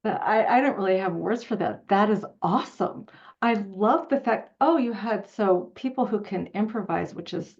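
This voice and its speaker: In an excited interview conversation, a woman with a medium-pitched, darkish voice gushes admiringly while working out her questions as she goes, in a halting way. The recording sounds dull.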